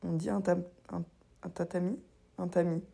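A young woman with a hoarse, honking voice after being ill, talking casually and hesitantly about herself as a solo podcast host. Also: on the low side, little pitch movement, moderate pace, dark tone. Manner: hesitant, rambling, self-deprecating. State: hoarse with a lingering cough after illness. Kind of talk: casual confessional solo talk.

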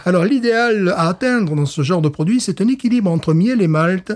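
A man's voice: high voice, lively intonation, a little fast. A man with a slightly raised voice talks loosely and chattily on a podcast. He wanders through his explanations, stumbling over words, repeating himself and chuckling along the way. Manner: rambling and hesitant, laughs often and repeats "voilà". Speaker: podcast co-host presenting a beer. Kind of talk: casual chat.

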